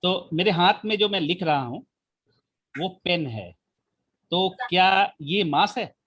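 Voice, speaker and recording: Male physics teacher, husky voice, very lively sing-song delivery, repeats himself, keeps asking "right?", mic close to mouth. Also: high voice, slow pace. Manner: repetitive, checks in constantly with rhetorical questions. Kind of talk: live online class lecture. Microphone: mic held right at the mouth.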